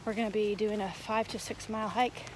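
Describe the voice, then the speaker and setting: A woman's voice: mid-range voice, a little fast. A woman narrating her hike in a matter-of-fact, casual way while walking through a forest. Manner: plain, matter-of-fact trail commentary. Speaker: hiking vlogger. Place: outdoors in a rainy forest. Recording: outdoor recording with steady rain noise. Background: rain.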